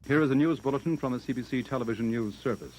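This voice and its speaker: A male news announcer reading a 1960s television bulletin in a formal, measured way, heard as an old newsreel broadcast. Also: medium pitch, darkish tone, poor audio.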